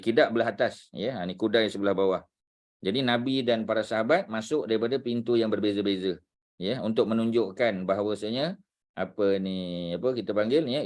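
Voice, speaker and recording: A man teaching a religious class, unhurried, searching for words aloud and dropping frequent fillers. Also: on the low side, a little mellow.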